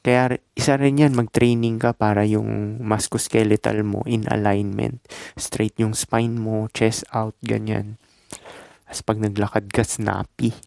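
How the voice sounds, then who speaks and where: A man's voice: fairly low pitch, level tone, a little slow, vocal fry, a little mellow, no echo. A man from the Philippines giving casual dating and self-improvement advice in a laid-back, instructive monologue full of short loose phrases and tag questions.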